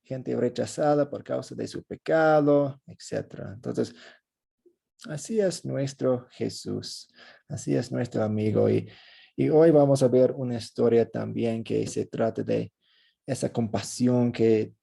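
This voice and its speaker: A man, a pastor, leading an online Bible class discussion and thanking each student with steady affirmations. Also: mid-range voice, a little slow, creaky, slightly rough.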